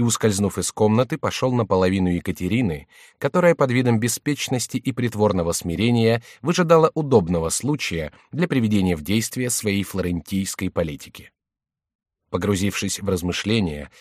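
Low-voiced male audiobook narrator. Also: no room sound, studio quality. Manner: measured, even reading.

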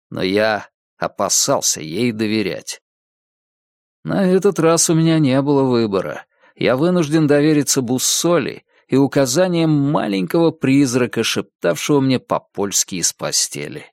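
A man reading a dark first-person story as an audiobook narrator, in a measured storytelling manner. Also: medium pitch, no echo, studio quality.

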